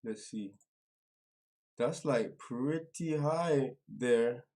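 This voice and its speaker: A man running a live stream addresses his audience in casual slang, his mid-range voice carrying a darkish tone. He is somewhat distant from the mic and keeps stalling, getting distracted, and letting sentences fade out unfinished.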